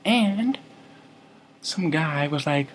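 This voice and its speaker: Rambling deadpan comic vlogger man. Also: a little high, very slow, a little hiss or hum. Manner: rambling, self-correcting, mock-serious. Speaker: comedy vlogger. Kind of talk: deadpan comic storytelling to camera.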